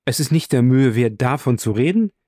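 A man's voice: mid-range voice, moderate pace, creaky, darkish tone, no room sound, studio quality, natural voice. A man doing an effusive young nobleman. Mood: emphatic. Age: 30s. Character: elegant noble around thirty, emphatic, effusive.

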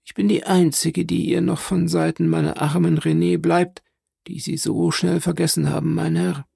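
A man's voice: on the high side, little pitch movement, normal speed, creaky, mellow, husky, dry recording, studio quality, exaggerated voice. A man voicing a frail, stern old grandmother who speaks in an imperious, insistent way, in an audiobook reading.

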